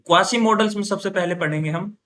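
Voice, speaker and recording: A man teaching English grammar in a classroom lecture. He explains step by step, often asks and answers his own questions, and says example sentences louder and slowly. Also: high-pitched, a little hiss or hum.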